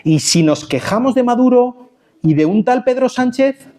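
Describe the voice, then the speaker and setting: Animated preacher with lively pitch. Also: male voice, normal speed. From Spain. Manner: animated, acts out quoted pleas with sudden pitch jumps. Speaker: pastor. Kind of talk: sermon.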